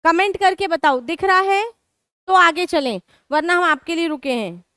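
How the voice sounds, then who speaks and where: High-voiced woman teaching a live class. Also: expressive, normal speed, a bit bright, dry recording, clean studio sound. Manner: asks students questions and answers them herself; mixes Hindi with English terms. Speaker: online exam-prep teacher. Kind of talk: live online class lecture.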